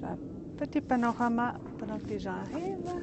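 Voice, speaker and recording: A woman hosting a live vlog outdoors in a mountain village. She greets viewers and reads a short tale in a chatty, unhurried way. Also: on the high side, very animated, very noisy. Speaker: vlogger and storyteller. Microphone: phone or camera.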